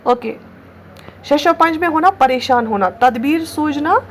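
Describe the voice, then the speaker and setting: Over slight background noise, a high-pitched woman leads an online Urdu lesson preparing students for exams. She goes through letters and words patiently and slowly, frequently asking "theek hai" to make sure the class is following.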